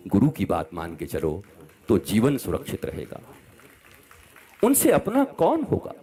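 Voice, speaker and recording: Impassioned fifty-something male preacher. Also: on the low side. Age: 50s. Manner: impassioned, scolding, swings between loud outbursts and soft asides. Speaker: spiritual preacher. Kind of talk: Hindi religious discourse.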